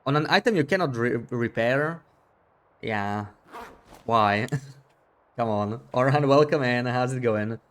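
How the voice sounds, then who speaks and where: A man is live-streaming a game, chatting casually with viewers and reading their comments as he thinks aloud, often restarting his sentences. His voice is medium in pitch and fairly bright, slow, with frequent pauses.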